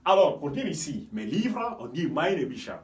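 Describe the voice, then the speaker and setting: A man teaches a grammar lesson, pushing hard on each example word, then letting his voice fall away at the end of a phrase. He checks in again and again with a quick "ok?". He sounds set back from the mic, in a room with a strong echo. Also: fairly high pitch, very animated, darkish tone. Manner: repetitive, checks understanding with frequent "ok?"; stresses German example words, drops off at phrase ends. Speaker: German teacher. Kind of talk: classroom-style grammar lesson. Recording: roomy echo, mic at a distance.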